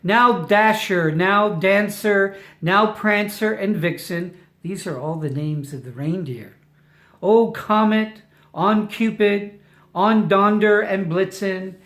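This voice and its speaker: Reading aloud to a baby, an older family member is playful and loving, emphasizing words and slipping in chatty asides. The voice is mid-range, slow, and slightly bright, captured in an echoing, roomy home setting.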